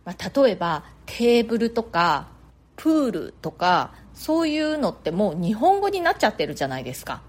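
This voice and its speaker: A middle-aged woman with a Japanese accent talks casually to her podcast listeners. Her delivery is chatty and loose, sprinkled with filler words, at a middle pitch. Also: a little mellow. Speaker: podcast host.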